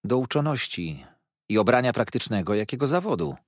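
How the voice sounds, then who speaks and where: A man reading an audiobook voices a dignified older lady who speaks in a measured, cool way. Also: mid-range voice, big pitch swings, dry recording, clean studio sound, lightly acted. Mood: composed.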